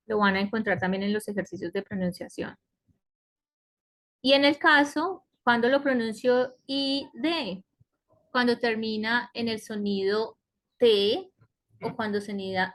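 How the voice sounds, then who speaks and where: Woman teacher on a video call, talks slow, keeps checking if everyone gets it. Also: medium pitch. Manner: slow, patient explaining with frequent checks like "¿cierto?". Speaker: English teacher. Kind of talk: online class lecture. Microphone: computer mic on a web conference.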